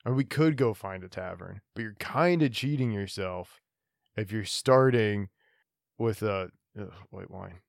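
A man's voice: fairly low pitch, a little slow, gravelly, no echo, clean studio sound. A man playing a brash, teasing fanged adventurer in an improvised tabletop game, casual and goading. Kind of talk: improvised tabletop role-play.

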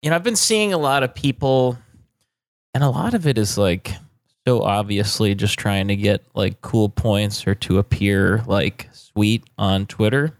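A man's voice: lowish voice, fairly even intonation, unhurried, no echo. Blunt, profane man on a dry mic. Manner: blunt, profane trash talk. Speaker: podcast co-host. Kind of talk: casual chat.

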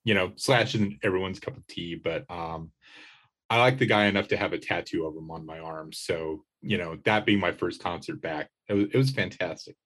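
A man with a slightly low voice talks casually as a sports writer on a podcast. He is conversational, with a wry way of putting things. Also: normal speed, a bit bright.

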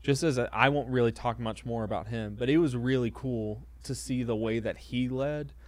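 Pastor type, mid-pitched, telling stories haltingly in a dry room. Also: male voice, darkish tone, no room sound. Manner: hesitant, many fillers and restarts, self-deprecating. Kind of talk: casual conversational storytelling.

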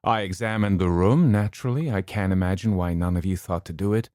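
A man voicing a bossy, self-important older wife who talks in a haughty, scolding, drawn-out way. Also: sits low, darkish tone, no echo, clean studio sound, natural voice.

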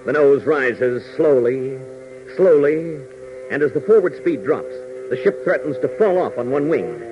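Over music, a man with a mid-range voice and lively intonation narrates and announces a 1940s radio serial, a little slowly and with dramatic, theatrical flair. The vintage 1940s radio recording sounds noisy and dull.

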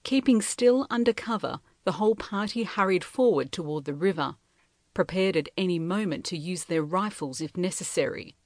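A woman reading a novel aloud in measured, steady storytelling narration. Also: on the low side, dry recording, studio quality. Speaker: audiobook reader.

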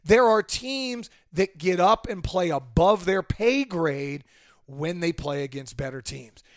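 A man hosting a sports podcast with emphatic, opinionated football commentary, his voice hoarse from a cold. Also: high-pitched, lively intonation, slow, no echo, clean studio sound. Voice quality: hoarse, worn voice.

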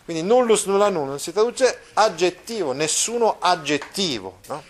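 A man's voice: high-pitched, animated, normal speed, slight background noise. A man teaching a Latin grammar lesson, reciting word endings one by one and checking that the class follows. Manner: patient, repeats declension forms aloud, checks understanding with "eh?" and "no?".

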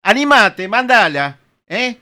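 A man's voice: sits high, sing-song, slow, sharp tone. A man with an Argentine accent arguing insistently in a heated panel debate. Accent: Argentine Spanish. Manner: insistent, lecturing, pointed.

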